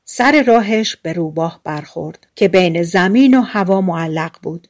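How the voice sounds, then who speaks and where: A woman reading a fairy tale aloud as an audiobook narrator, in a gentle, measured storytelling manner. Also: fairly low pitch, animated.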